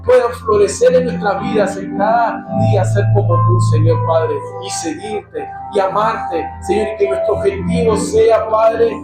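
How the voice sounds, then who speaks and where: A man's voice: sits high, measured pace, few pauses. A man with an Argentine Spanish accent preaching a sermon and leading a fervent prayer in which he repeats "Lord" in nearly every phrase. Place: church hall. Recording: echoey church hall with music. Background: music.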